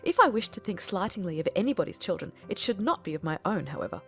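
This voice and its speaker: Woman acting a fussy, animated middle-aged mother. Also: lowish voice, fast talker, vocal fry, faint music behind. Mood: indignant, fond. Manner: fussy, gushing. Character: excitable, silly middle-aged mother, eager matchmaker. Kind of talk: dramatized audiobook acting.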